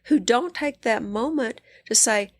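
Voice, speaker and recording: A woman's voice: on the high side, measured pace, no room sound. A middle-aged woman with a West Texas accent speaking conversationally as an interview guest, earnest, encouraging and emphatic. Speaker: psychiatrist and coach interviewed as guest.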